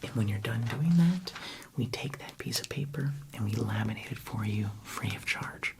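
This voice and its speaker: A man doing a whispered role-play as a friendly librarian, in a soft library whisper, talking gently and chattily to the listener. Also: fairly low pitch, lively intonation, normal speed, background noise. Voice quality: soft, breathy library whisper with gravelly edges. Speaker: ASMR performer playing a friendly librarian.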